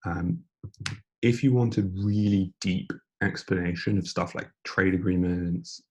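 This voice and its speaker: A young man giving an informal online lecture, speaking in a hushed near-whisper as quietly as possible, breathy as if losing his voice. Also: sits low, unhurried. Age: young adult. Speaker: debating lecturer.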